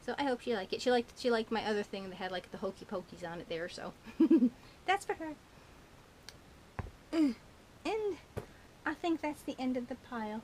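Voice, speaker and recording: A woman with a slightly high voice rambles to camera about things she bought, giggling as she goes and piling on "like" and "you know." Her tongue is a bit burnt, which blurs a few words. A faint hiss sits under the recording. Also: lively intonation, moderate pace, long pauses, a little mellow. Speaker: vlogger showing a shopping haul. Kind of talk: casual rambling chat to camera.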